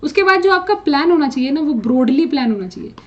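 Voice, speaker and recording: A woman's voice: high-pitched, lively intonation, fast. A woman chemistry teacher giving students direct, no-nonsense exam preparation advice, slipping English phrases into her talk. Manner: direct, scolding, mixes English phrases into speech. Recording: dull lo-fi sound.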